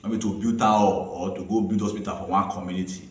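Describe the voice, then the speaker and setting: A man's voice: low-pitched, fairly even intonation, fast talker, a little mellow. A man with a Nigerian accent co-hosting an impassioned civic discussion in Nigerian Pidgin, making his points emphatically and repeating them for force. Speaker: co-host of a citizens' rights programme. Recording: echoey room, distant from the mic.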